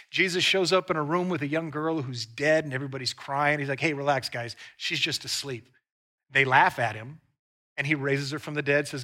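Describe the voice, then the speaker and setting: A man's voice: on the high side, sharp tone. A man preaching a sermon in a conversational, emphatic way, explaining scripture and paraphrasing dialogue. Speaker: pastor.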